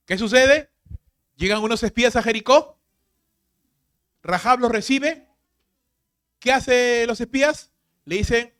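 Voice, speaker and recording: A man pastor preaching a sermon, emphatic and full of rhetorical questions, swinging from loud to hushed. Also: very high voice.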